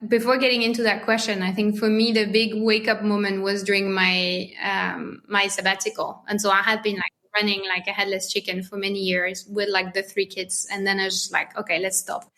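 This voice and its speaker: A woman's voice: medium pitch, level tone, a little fast, hardly any pauses, pushed and bright. A woman in her thirties with a French accent, a podcast guest talking casually and thoughtfully, often restarting her phrases. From France. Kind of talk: casual interview talk.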